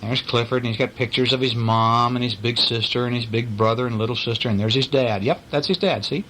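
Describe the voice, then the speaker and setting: A man reading a bedtime story aloud to his young child at home, pausing gently to ask questions about the pictures. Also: medium pitch, slight background noise, poor audio.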